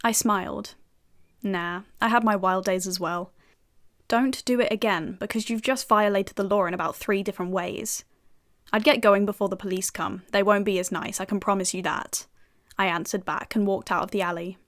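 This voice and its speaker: Wry british woman doing a young fbi agent telling her own story, dry jokes, middle pitch. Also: fairly even intonation, moderate pace, fairly bright tone, natural voice. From United Kingdom. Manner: dry, sardonic asides. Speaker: narrator and lead character, an FBI agent. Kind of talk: first-person audio drama narration.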